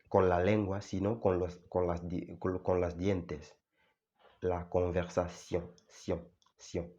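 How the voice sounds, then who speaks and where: A man teaching pronunciation in a casual video lesson, halting with many fillers and restarts as he spells out sounds. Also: low-pitched, mellow, highs cut off. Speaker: French teacher.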